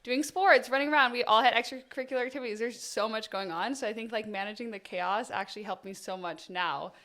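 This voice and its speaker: Giggly young woman, slightly high voice. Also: quick pace, fairly bright tone. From Spain. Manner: upbeat, giggly, lots of "like". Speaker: guest entrepreneur. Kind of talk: casual interview chat.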